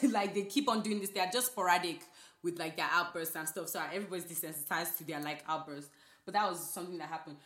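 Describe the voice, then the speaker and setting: A young woman from Nigeria co-hosting a podcast, chatting casually, animated and laughing, with lots of "like" fillers. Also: fairly low pitch, fast talker, roomy sound. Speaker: podcast co-host. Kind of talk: casual chat.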